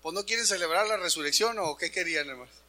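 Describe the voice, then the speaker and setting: A male preacher delivers an animated Easter sermon to his congregation. His voice sits high and sounds bright and forceful, and he often raises it to make a point. A faint mains hum runs under the church recording. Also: quick pace. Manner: animated, addresses congregation as brothers, shouts for emphasis. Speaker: pastor.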